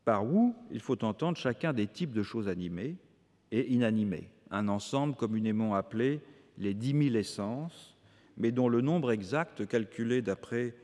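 A man delivers a formal academic lecture in a measured, deliberate way, pausing now and then on hesitant fillers. His voice sits at an ordinary middle pitch. It rings out with the long reverb of a big lecture hall. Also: animated, a little mellow. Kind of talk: academic lecture reading from a text.

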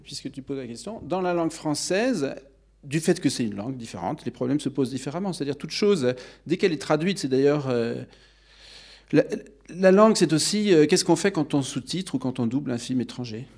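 A man's voice: a little high, lively intonation, a little fast, a little mellow. A man on a discussion panel, explaining at length like a lecturer. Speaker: panel guest.

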